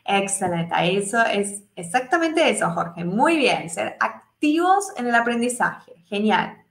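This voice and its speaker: A woman teaching English in a live class, explaining step by step, checking in with her students constantly and voicing the example sentences higher. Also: big pitch swings, a little slow, roomy sound. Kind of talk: live online English lesson.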